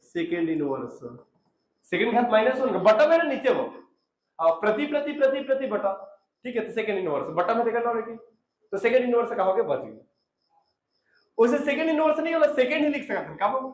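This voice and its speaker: A man's voice: extremely high pitch, sing-song, fairly quick, long pauses, echoey room. A man teaching a chemistry class, repeating answers and prompting his students. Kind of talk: classroom lecture.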